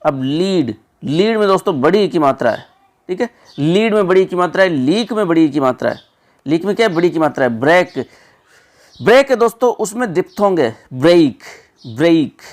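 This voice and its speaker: A man's voice: fairly high pitch, expressive, fairly quick. A man, teaching as an exam prep tutor and explaining the answers step by step. He keeps repeating words and checks in with his listeners again and again. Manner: repetitive, checks in with 'theek hai' and 'doston'.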